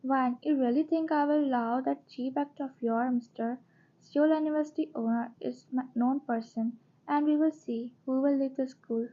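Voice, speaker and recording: A haughty young mafia queen, bossy and arrogant, who makes threats, as a woman reads her. The voice sits high for a woman. The storybook audio is dull and lo-fi. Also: steady tone, normal speed.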